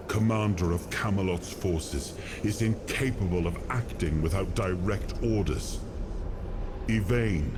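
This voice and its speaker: An actor playing a weary, solemn, noble king in a video game, speaking in a grave, measured and deliberate way. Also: low voice, noisy background. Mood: bitter, disappointed. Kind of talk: dramatic video game cutscene acting. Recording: dramatic music behind the voice. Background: cinematic game music.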